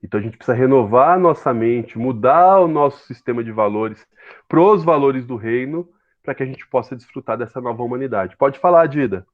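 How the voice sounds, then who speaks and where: A man teaching a Bible class in a calm, explanatory way. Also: mid-range voice, brisk, narrow, tinny audio.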